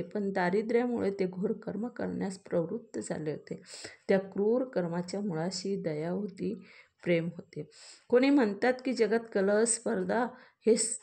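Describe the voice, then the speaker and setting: A woman reading a classic storybook aloud in a measured way, pausing to explain old words. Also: mid-range voice, gravelly, dark tone.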